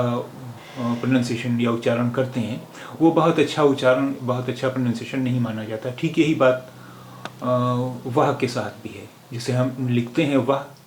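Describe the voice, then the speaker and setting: A man teaching a language lesson, explaining patiently and pausing often with filler sounds as he thinks aloud. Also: mid-range voice, a little mellow. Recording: roomy with faint background noise.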